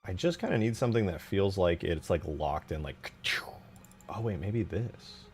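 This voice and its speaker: Soft background music accompanies a low-pitched, slightly mellow male voice at a moderate pace. He's a game modder on a casual livestream while working, thinking aloud in slangy, informal fragments with casual swearing.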